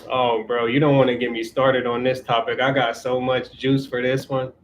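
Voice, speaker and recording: A man's voice: mid-range voice, level tone, normal speed, slight background noise. A man in his twenties hosting a casual live stream Q&A, talking in a laid-back way, reading viewer questions and giving relationship advice. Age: 20s. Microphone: camera on auto-tracking mount.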